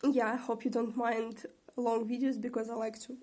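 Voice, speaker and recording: A woman's voice: fairly high pitch, flat delivery, moderate pace, warm tone. A young woman hosting a casual tarot reading, rambling and chatty with lots of fillers, her voice a little shaky from a recent sore throat. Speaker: tarot reader and channel host.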